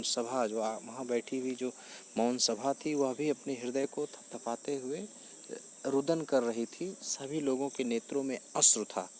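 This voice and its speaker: A man teaching a Hindi poem. He recites verse lines slowly and then explains them at length, often repeating himself and pausing with fillers. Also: medium pitch, a little hiss or hum.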